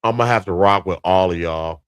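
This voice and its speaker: A man's voice: sits low, fairly quick, clear, resonant tone, dry recording. A man co-hosting a casual live podcast, laid-back and slangy, laughing often. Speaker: podcast co-host. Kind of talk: casual live-stream chat.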